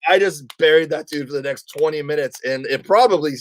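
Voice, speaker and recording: A man's voice: a little high, fairly quick. A man, a comedian guest, telling a story in a casual interview and acting out the quotes of the people in it.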